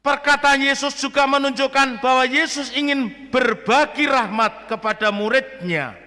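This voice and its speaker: A Javanese-accented man, a parish priest, preaching a homily at Mass with lively shifts between formal preaching and joking asides. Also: very high-pitched, measured pace. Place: church. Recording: long church reverb.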